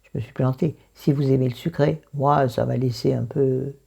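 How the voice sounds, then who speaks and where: A woman with a croaky morning voice and vocal fry, chatting casually through a book review in a self-mocking, digressive way, thinking aloud. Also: extremely low pitch, steady tone, moderate pace, warm tone.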